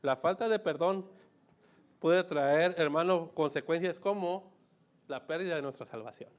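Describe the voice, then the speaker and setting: High-voiced preacher, emphatic. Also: male voice, unhurried. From Mexico. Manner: emphatic, repeats key phrases, swings between loud and hushed. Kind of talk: sermon.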